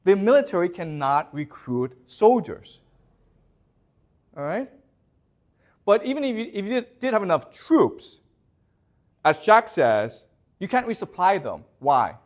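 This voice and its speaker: A man's voice: high-pitched, sing-song, a little slow, long pauses. A man lecturing a class as a professor, often repeating words and constantly checking that the students understand.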